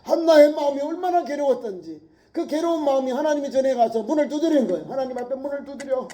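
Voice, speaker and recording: Middle-aged guy pastor giving a sermon, really high pitched, dark mellow sound, keeps asking rhetorical stuff. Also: animated, fast. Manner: emphatic preaching, rhetorical questions, acts out quoted prayers.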